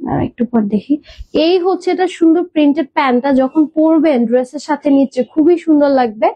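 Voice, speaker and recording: A woman hosts a live stream selling clothes online, chatting fast in a high voice and slipping in English words, with fillers and repeated phrases as she hesitates. The sound has no echo, and its highs are cut off.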